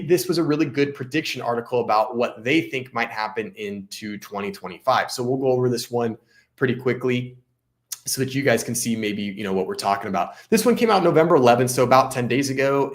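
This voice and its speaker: A man's voice: mid-range voice, lively intonation, fairly quick. A man who works as a realtor, hosting a casual live stream. He talks in a chatty way, often restarting his sentences and adding sarcastic asides.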